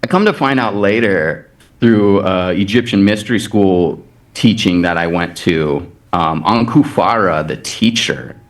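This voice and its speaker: A man's voice: sits low, a little slow. A man on a video call, a podcast guest animatedly retelling a personal story full of quoted back-and-forth. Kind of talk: anecdotal storytelling in casual chat.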